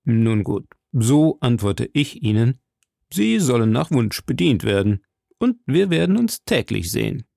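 A man's voice: mid-range voice, very animated, a little slow, vocal fry, darkish tone, no echo, studio quality. Man playing a coldly mocking lord. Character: coldly mocking aristocratic lord, middle-aged.

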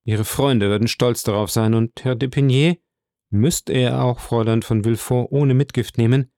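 A man voicing a suave, composed count who speaks with polished, measured courtesy. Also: mid-range voice, fairly even intonation, mellow, no room sound, lightly acted. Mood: courteous.

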